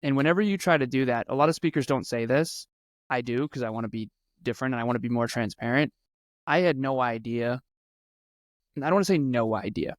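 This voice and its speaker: A man's voice: mid-range voice, a little fast, no room sound, clean studio sound. A man, telling his life story as a podcast guest in an earnest way and repeating words for emphasis. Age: 30s. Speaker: podcast guest, speaker and coach. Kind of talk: conversational interview storytelling.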